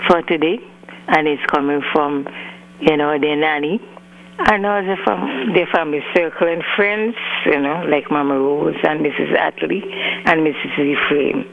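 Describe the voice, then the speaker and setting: A caller with an Antiguan accent, heard over a clipped phone line, rambling through birthday greetings and stringing names together with frequent "you know". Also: mid-range voice. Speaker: radio call-in caller. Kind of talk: birthday shout-outs on a call-in show. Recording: faint humming phone line.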